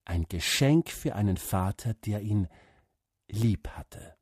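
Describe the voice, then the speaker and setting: Slow, husky male storyteller. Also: on the low side, animated, darkish tone, no room sound, studio quality. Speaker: narrator. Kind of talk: storybook reading.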